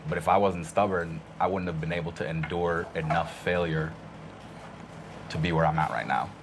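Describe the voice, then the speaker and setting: A man's voice: deep voice, fairly even intonation, moderate pace, background noise. A man in his twenties, a podcast guest, talking earnestly and reflectively in casual conversation. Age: 20s. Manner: earnest, reflective, storytelling with laughs.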